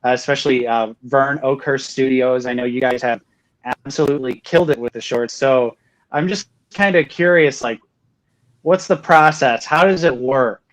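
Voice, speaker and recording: A man's voice: mid-range voice, moderate pace, poor audio. A man co-hosting a casual livestream, talking earnestly with emphatic repeats and fillers. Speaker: co-host.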